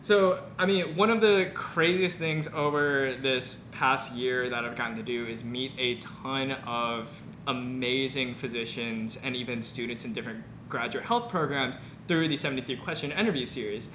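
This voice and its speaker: Speaking at a moderate pace with few pauses, this young medical student vlogger has a mid-range voice as he hosts a relaxed interview. Eager yet slightly nervous, he leans on filler words, and the room is echoey with a bit of background noise.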